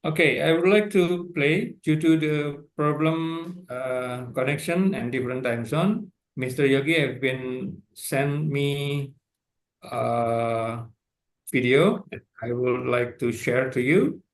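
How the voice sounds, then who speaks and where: A man with an Indonesian accent introducing a speaker at a conference, reading slowly with many fillers and throat clears. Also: mid-range voice, low-quality recording. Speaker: conference moderator.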